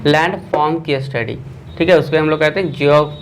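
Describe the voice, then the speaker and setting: A man's voice: fairly high pitch, fairly quick, a little hiss or hum, poor audio. Man teaching an online exam class. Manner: quizzing viewers with a repeated filler.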